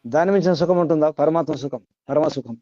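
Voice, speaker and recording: A man's voice: on the high side, fast talker, mellow, no room sound, lo-fi sound. A man giving a spiritual discourse to a class, repeating points, chanting Sanskrit verses and quizzing his listeners. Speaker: spiritual teacher.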